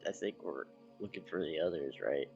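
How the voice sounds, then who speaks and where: A man's voice: rumbling low, a little fast, gravelly, darkish tone, slightly rough, muffled recording, soft background music. A man playing in a tabletop game, casual and offhand, swearing freely. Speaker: player.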